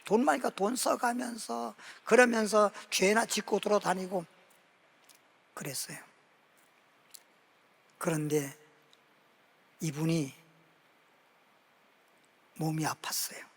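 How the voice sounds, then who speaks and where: A male pastor preaching a sermon, telling a story with lively acted-out quotes. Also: sits high, gravelly, husky. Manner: animated storytelling, acting out quoted voices. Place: church sanctuary. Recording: long church hall reverb.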